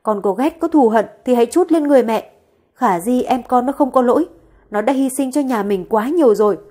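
A woman's voice: on the high side, animated, brisk, warm tone, breathy edge. A woman voicing a middle-aged mother who pleads to protect her daughter in an audio story. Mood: pleading. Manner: pleading, tearful.

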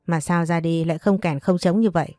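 A woman's voice: lowish voice, fairly even intonation, brisk, dark tone, no room sound, studio quality, faint music behind, lightly acted. A woman voicing a cold, commanding young man in his late twenties who gives curt, menacing orders.

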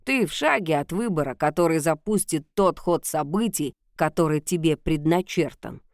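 A woman voicing an old, grumbling village witch who tells fortunes in a gruff, slow, mocking way. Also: sits low, no echo, studio quality. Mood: stern.

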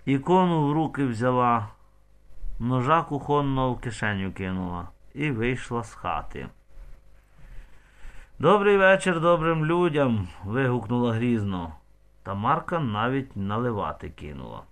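A man's voice: mid-range voice, animated, moderate pace. A man reading a novel aloud as an audiobook, telling the story dramatically. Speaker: audiobook narrator. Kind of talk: audiobook narration.

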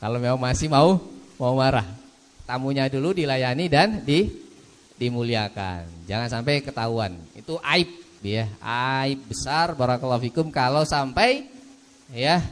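Man, religious teacher, mosque lecture, repeats a blessing phrase, animated pitch, reverberant hall. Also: measured pace. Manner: repeats a blessing phrase as a filler, acts out little scenes. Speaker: ustadz teaching a book on manners.

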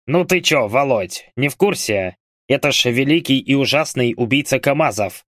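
A man voicing a soldier who is the unit's loud, teasing prankster, playing to the room. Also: medium pitch, expressive, moderate pace, dry recording, studio quality, close to an everyday voice.

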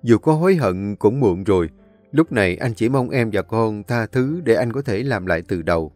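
A man's voice: fairly low pitch, lively intonation, moderate pace, a little mellow, soft background music, natural voice. A man reading the lines of a jailed husband who speaks with emotion and pleads for forgiveness. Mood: pleading.

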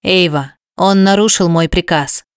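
A woman's voice: lowish voice, measured pace, clear, resonant tone, dry recording, studio quality, lightly acted. A woman voicing a stern male chieftain who speaks in curt, clipped commands.

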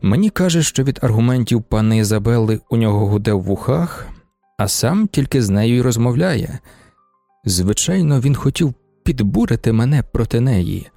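A man reading an audiobook and voicing a weary, brooding middle-aged merchant in a measured way. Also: medium pitch, lively intonation, creaky, warm tone, no echo, faint music behind.

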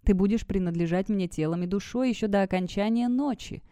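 A woman's voice: mid-range voice, fairly quick, dark tone, clear, resonant tone, no echo, lightly acted. A woman voicing a cruel, sneering male vampire master in an audiobook. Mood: gloating. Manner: taunting, sneering.

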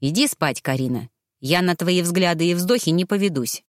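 A woman's voice: on the low side, animated, moderate pace, no echo, clean studio sound, close to an everyday voice. A woman voicing an irritable young male mage in an audiobook, grumbling and dismissive. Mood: irritated. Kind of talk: audiobook character voice.

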